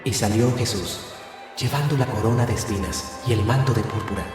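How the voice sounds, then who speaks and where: A man, a pastor, reading scripture aloud with steady, expressive narration. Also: lowish voice, a little fast. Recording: reverberant hall with music behind.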